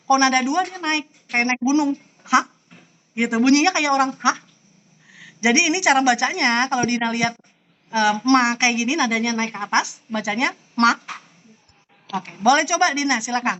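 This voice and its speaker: A woman's voice: high voice, fairly bright tone, slight background noise, low-quality recording. A woman teaching Mandarin tones over a video call, patient and showing every sound by example. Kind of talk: online class teaching. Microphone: computer mic on a video call.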